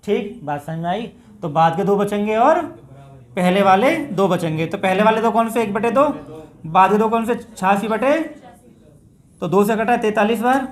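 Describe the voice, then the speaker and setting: A man with a north Indian Hindi accent teaches a maths class, talking his students through each step and calling them "bhai". His voice is high-pitched at a moderate pace.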